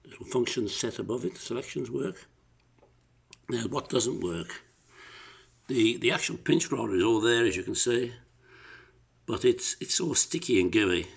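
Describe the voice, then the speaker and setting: In his apartment living room, a private seller films an item on a handheld phone and demonstrates it casually, rambling and hesitating without a script. His mid-range voice is slightly rough, with vocal fry and lively intonation, and he speaks a little slowly with frequent pauses.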